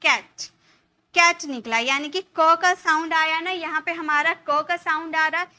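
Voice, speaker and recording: Bright high-voiced woman teaching English. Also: fairly even intonation, measured pace. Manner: explains step by step, asks and answers her own questions. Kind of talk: spoken English lesson in Hindi.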